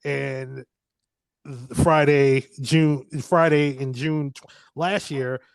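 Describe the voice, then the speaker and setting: A man's voice: medium pitch, fairly even intonation, slow, gravelly, smooth, dry recording. A man, hosting a casual podcast chat, rambling, laughing often and swearing freely. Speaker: podcast host.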